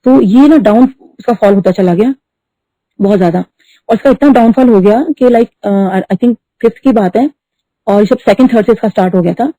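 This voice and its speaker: A middle-aged woman telling a devotional story at a satsang, talking fast and mixing in English words. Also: mid-range voice, dark tone, no room sound. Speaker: devotee sharing testimony. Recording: dull lo-fi dry recording.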